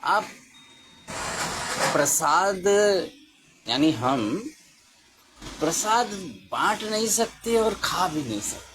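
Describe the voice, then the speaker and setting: A man preaching a sermon slowly and emphatically, raising his voice for stress. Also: high-pitched, very animated, noisy background. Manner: slow, emphatic, with rising exclamations.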